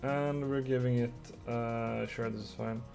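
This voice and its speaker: Young male streamer with a Swedish accent, a bit of fry, swears and talks to himself while coding. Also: mid-range voice, fairly even intonation, a little slow, darkish tone, faint music behind. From Sweden. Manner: muttering while coding, swearing, chatting with viewers. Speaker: game developer streamer. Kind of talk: casual live-coding stream.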